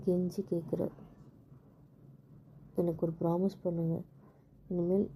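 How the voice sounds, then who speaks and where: A woman talking with her husband in a casual couple conversation, explaining things patiently and calmly. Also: lowish voice, a little hiss or hum. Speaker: wife.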